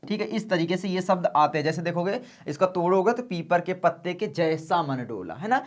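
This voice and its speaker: In an exam-prep lesson, a man with a fairly high voice teaches calmly and slowly. He speaks softly and kindly to his students, going back over the key points.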